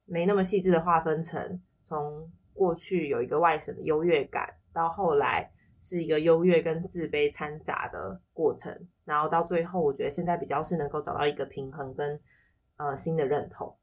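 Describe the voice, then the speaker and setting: Female podcast guest, slightly low voice, Taiwanese Mandarin accent, reflective casual storyteller. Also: steady tone, moderate pace. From Taipei, Taiwan. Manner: reflective, explanatory, quotes others in anecdotes. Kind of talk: casual personal storytelling in an interview.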